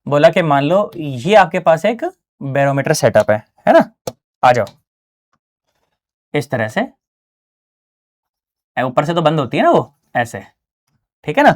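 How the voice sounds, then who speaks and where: A man teaching physics in a relaxed, slangy online lesson from a small closed studio, who keeps checking in with his students. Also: a little high, unhurried, pauses often. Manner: chatty, slangy, keeps asking "है ना?". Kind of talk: casual online exam-prep lesson.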